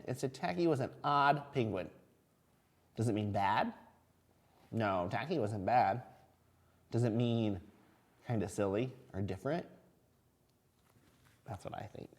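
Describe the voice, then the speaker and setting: A man teaching kindergarten reading, reading a picture book aloud expressively as if to a toddler and asking simple questions along the way. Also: medium pitch. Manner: asks the listening children simple questions. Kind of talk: animated picture-book read-aloud for young children.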